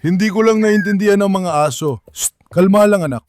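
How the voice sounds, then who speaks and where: A man's voice: high voice, brisk, darkish tone, slight background noise. A man vlogging casually from his backyard pool, coaxing and calling his dogs with affectionate talk to them and his viewers. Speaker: vlogger and dog owner.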